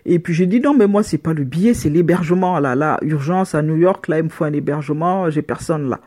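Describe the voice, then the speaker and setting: A middle-aged woman giving a casual spoken account, animated, with frequent restarts, slipping into other people's voices with sudden pitch jumps. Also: a little fast. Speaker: storyteller recounting a personal experience.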